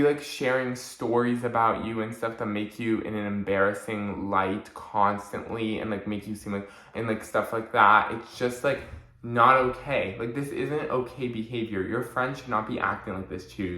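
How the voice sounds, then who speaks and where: A man's voice: mid-range voice, a bit bright. A young man talking casually in a vlog, rambling and saying "like" constantly while acting out friends' mocking voices. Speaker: vlogger. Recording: echoey room.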